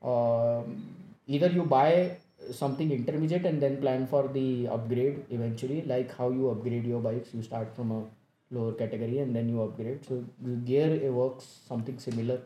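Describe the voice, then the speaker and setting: A man with an Indian accent giving casual, explanatory advice, somewhat halting and reaching for examples. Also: medium pitch, steady tone, muffled recording. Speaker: experienced motorcyclist giving gear advice. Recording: roomy, echoing room sound.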